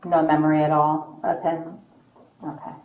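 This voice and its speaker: A woman police officer questioning a suspect in a measured, persistent, probing way. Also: low-pitched, monotone, highs cut off. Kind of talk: interrogation, calm questioning. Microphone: police bodycam. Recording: echoey, distant body camera audio with noise.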